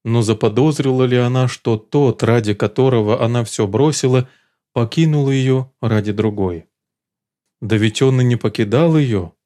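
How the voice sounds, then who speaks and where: Male audiobook narrator, mellow tone, steady and measured delivery. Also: mid-range voice.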